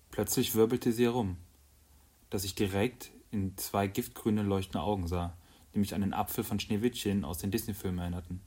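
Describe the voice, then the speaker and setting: A man reading a first-person story aloud in calm, even narration. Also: on the low side. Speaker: audiobook narrator.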